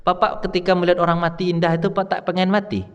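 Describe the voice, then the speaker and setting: A man's voice: high-pitched, flat delivery, racing, smooth, in a large hall, dull audio. A middle-aged male Islamic preacher giving a study sermon in a mosque, chatty, often asking the congregation questions. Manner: conversational, asks the congregation questions. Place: mosque hall.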